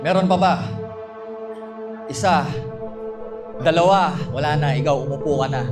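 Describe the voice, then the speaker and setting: Slow, playful man hosting. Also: on the high side, over loud music. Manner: playful, teasing, drawn-out. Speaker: event host. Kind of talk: emcee talk mixing Tagalog and English. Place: live event with audience.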